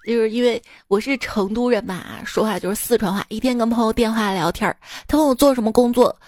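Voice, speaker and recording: Woman, radio host, playful, reading jokes, higher voice, dry studio sound. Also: fast, a little mellow, dry recording. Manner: playful, laughing often, doing small voices. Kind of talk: reading funny listener stories.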